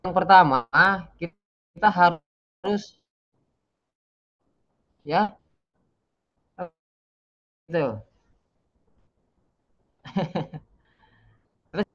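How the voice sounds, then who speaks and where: A man, an Islamic preacher in an online Q&A, explaining in a measured way with fillers while his call audio keeps cutting out. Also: high-pitched, dry recording, highs cut off. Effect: choppy online call audio cutting out. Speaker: Islamic preacher answering questions. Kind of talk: online religious Q&A.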